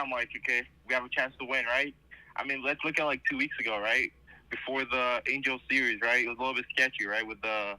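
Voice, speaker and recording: A male caller comes through a phone set on speaker, sounding distant and boxed in. His voice is bright and sits at a middling pitch. He talks casually, checking in with "right?" after almost every point. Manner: tags sentences with "right?". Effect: heard through a phone on speaker. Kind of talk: casual sports chat.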